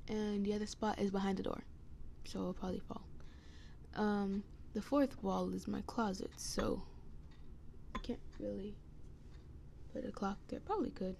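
A young adult woman hosting a podcast rambles casually on her own, hesitant and meandering, with long pauses. Her scratchy, gravelly voice is mid-range and dark-toned, with fairly even intonation at a moderate pace, over noticeable background noise.

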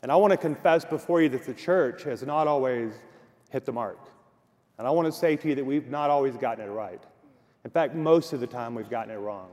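A man's voice: medium pitch, fairly quick, darkish tone. A male pastor speaking earnestly to his congregation and leading them in prayer from the stage. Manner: affirming, earnest. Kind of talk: church panel host and prayer. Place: church sanctuary. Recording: long reverb of a church hall with audience.

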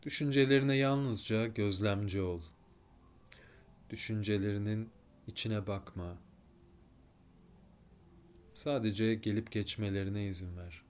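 A man leading a guided full-moon meditation, giving slow, soft-spoken breathing and relaxation instructions with long pauses. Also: on the low side, clean tone.

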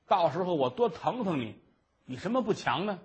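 A man doing a coaxing husky old master. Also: high-pitched, very animated, normal speed, heavily acted. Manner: soft, coaxing. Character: lecherous old master near seventy, coaxing.

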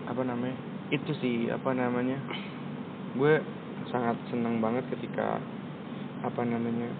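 A man with a mid-range voice talks haltingly, filling gaps with hesitations as he hunts for the right words. His voice comes through thin and phone-like, over a clearly audible noisy background. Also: medium pitch, level tone. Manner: hesitant, searching for words, many fillers. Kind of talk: casual conversation. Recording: tinny phone-like audio with clear background noise.

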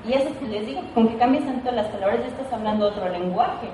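A woman's voice: fairly high pitch, fast talker, mellow, slight background noise. A woman giving an informal training talk to a sales team, chatty and playful, often checking in with "ok?". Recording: echoey room, mic at a distance.

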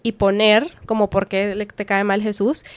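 A woman's voice: medium pitch, flat delivery, moderate pace, smooth, no echo. A young woman hosting a podcast trivia game in casual chat, playful and laughing often.

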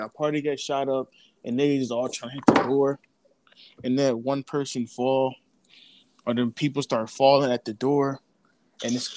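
A man co-hosting a podcast, chiming in with short agreements and relaxed stories in casual chat. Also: medium pitch, a little hiss or hum.

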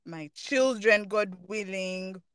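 A woman in her late twenties co-hosts a casual podcast, animated and full of quick interjections. Her voice is mid-pitched and the sound is dry and close. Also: clear, resonant tone, dry recording. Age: late 20s. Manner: animated, chatty, many interjections. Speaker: podcast co-host. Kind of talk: casual chat.

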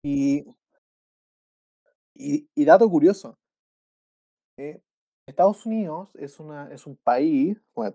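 A man with a Chilean accent who co-hosts a casual film podcast, rambling in a relaxed way and often ending with slang tags. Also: fairly high pitch. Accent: Chilean Spanish. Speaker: podcast co-host.

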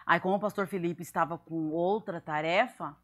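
A woman pastor, chatting in an interview, animated and laughing often as she acts out what people said. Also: lowish voice, moderate pace. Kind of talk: casual church interview, storytelling.

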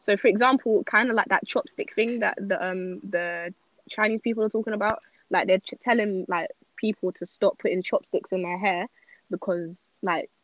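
A young woman, co-hosting a casual podcast chat and giving rapid, opinionated takes full of slang. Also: mid-range voice, steady tone, fairly bright tone, dry recording, muffled recording. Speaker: podcast co-host.

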